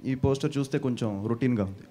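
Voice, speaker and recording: Guy with a soft dark voice, keeps it short and modest. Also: mid-range voice, fast talker.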